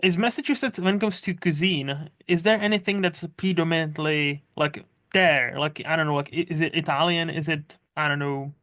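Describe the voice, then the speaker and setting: Hosting a laid-back podcast interview, a Czech-born man living in Scotland rambles and laughs, his Czech accent blended with Scottish tones. His voice is a little high, pushed and bright, at a moderate pace with hardly any pauses.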